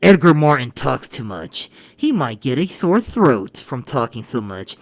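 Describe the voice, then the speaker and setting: A man's voice: mid-range voice, very animated, no room sound. A man voicing the Joker, a sneering, theatrical villain clown who draws out his words and cackles. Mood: menacing. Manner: mocking, drawn-out delivery with cackling laughs.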